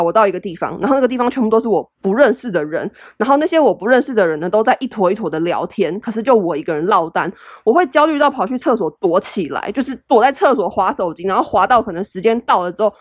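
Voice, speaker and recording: A woman's voice: mid-range voice, no echo, studio quality. A young woman with a Taiwanese Mandarin accent, hosting a solo podcast in a chatty, self-deprecating way full of fillers. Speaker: podcast host. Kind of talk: casual solo podcast advice.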